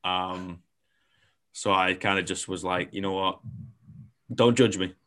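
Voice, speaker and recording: Low and slightly bright, his voice stays fairly even in intonation as he talks at a measured pace. The young non-New Zealand host keeps his casual interview frank and rambling, full of fillers with the odd swear word.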